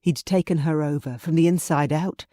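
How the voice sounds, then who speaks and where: A woman narrating a romance audiobook in a smooth, even storytelling manner. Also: deep voice, moderate pace, dry recording, clean studio sound. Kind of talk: scripted narration.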